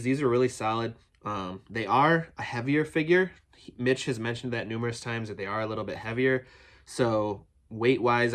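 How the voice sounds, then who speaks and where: A man with a cold, nasal and slightly phlegmy, speaks in a mid-range, somewhat bright voice. He eagerly rambles through an unboxing review of action figures from his toy building, often starting sentences over.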